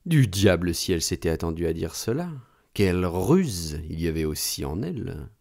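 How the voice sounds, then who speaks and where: Deep-voiced man reading a novel aloud. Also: vocal fry. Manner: measured and expressive reading. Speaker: audiobook narrator. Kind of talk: literary audiobook narration.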